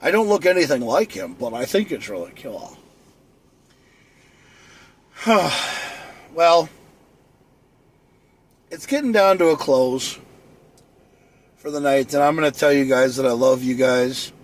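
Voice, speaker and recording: A man's voice: medium pitch, expressive, slow pace, pauses often. A man chatting through a late-night livestream, rambling and joking around.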